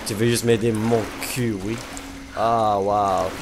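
A man's voice: fairly low pitch, flat delivery, takes it slowly, noisy background. A man with a Québécois French accent giving let's-play commentary, exclaiming, joking and humming to himself as he plays. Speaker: gamer commentator.

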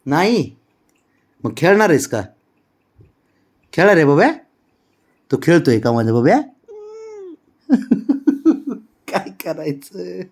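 A man's voice: fairly high pitch, big pitch swings, normal speed, gravelly, pauses often. A man coaxing his pet cat in doting baby talk at home late at night. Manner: coaxing, doting sing-song. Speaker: pet owner.

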